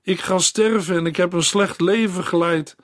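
A man's voice: a little high, measured pace, dry recording, pitched above the performer's own voice, natural voice. Man playing a dying woman, anguished, crying out, raised voice, dry close mic. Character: dying woman, frightened and remorseful.

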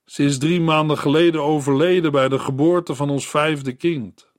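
A man's voice: on the high side, steady tone, normal speed, dry recording, clean studio sound, close to an everyday voice. A man voicing a desperate, grieving widower who has been drinking, asking broken, pleading questions.

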